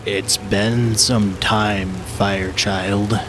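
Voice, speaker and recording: A man voicing a large, ancient red dragon in a tabletop game, calm and cryptic, with a measured, ominous dragon voice. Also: on the low side. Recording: clear rain noise behind.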